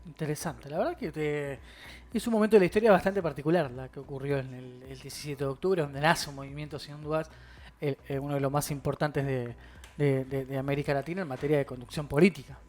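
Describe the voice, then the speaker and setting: Man, host, slightly high voice, quick speech, short interjections, faint music behind. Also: fairly even intonation, a little mellow. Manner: brief interjections, halting phrasing. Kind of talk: casual interview chat.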